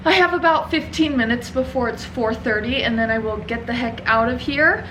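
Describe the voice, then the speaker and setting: Indoors at her print shop, a young woman who vlogs and runs a small business chats casually to the camera. She's upbeat, laughs often, and sounds out of breath. Her voice is on the high side at a moderate pace, with background noise.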